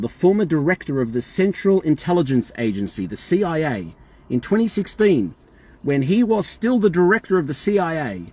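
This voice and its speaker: A man's voice: on the high side, warm tone. An Australian man calling a hotline, talking in an insistent, emphatic and repetitive way. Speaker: caller. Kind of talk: phone call complaint.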